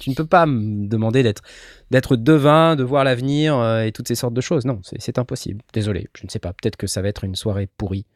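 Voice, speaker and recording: A man's voice: medium pitch, fairly quick, no echo, studio quality. A man hosting a casual live stream, playful and joking, sometimes saying French phrases in mock English.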